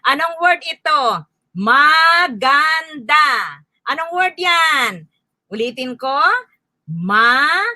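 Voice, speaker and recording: A woman's voice: high voice, expressive, bright, forceful tone, dry recording. A Filipino woman leading a teacher training lesson, modeling reading drills aloud and correcting herself as she goes. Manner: demonstrative, claps and counts syllables aloud; self-correcting, brisk asides. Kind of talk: lecture mixing Filipino and English. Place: indoor training session.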